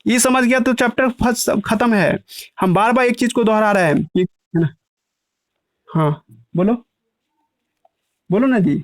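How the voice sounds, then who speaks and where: A man teaching a biology class online, in the style of a lecture. He keeps asking "है ना" and stretches key terms out slowly, word by word. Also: sits high. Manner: breaks terms into slow emphatic chunks.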